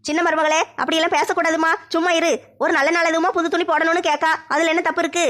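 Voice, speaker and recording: Woman as a firm mother-in-law, rapid flat delivery, high voice, comedy skit. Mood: scolding.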